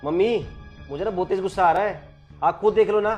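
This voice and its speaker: A man's voice: high-pitched, brisk, darkish tone, faint music behind, close to an everyday voice. A man playing a sulking angry husband. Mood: irritated. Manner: complaining, resentful. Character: angry young husband complaining to his mother. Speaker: son and husband. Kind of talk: family drama short.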